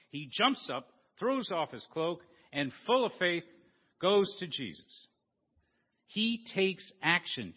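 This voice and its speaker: Slow, lively preaching man in a church. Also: fairly high pitch, breathy edge. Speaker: pastor. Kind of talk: sermon. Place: church sanctuary. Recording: dull recording with long church reverb.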